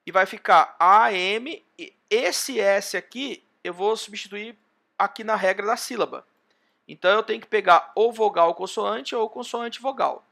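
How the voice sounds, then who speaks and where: Bright, high-voiced Brazilian lecturer. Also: male voice, measured pace, gravelly. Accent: Brazilian Portuguese. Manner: explains step by step, often pointing with "ó". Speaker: university lecturer. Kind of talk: online class lecture.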